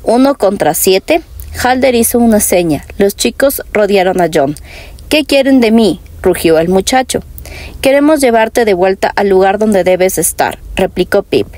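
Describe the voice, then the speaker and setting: A woman's voice: medium pitch, lively intonation, normal speed, darkish tone, no room sound. A woman from Latin America narrating a fantasy audiobook, reading every character's lines in her own voice with small shifts.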